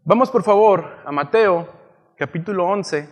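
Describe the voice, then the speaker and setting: A male preacher teaching a sermon, often pausing to ask his listeners "yes?" as he checks they follow. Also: high voice, dull audio. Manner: teaching, asks frequent "¿sí?" checks. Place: church hall. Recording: long church hall reverb.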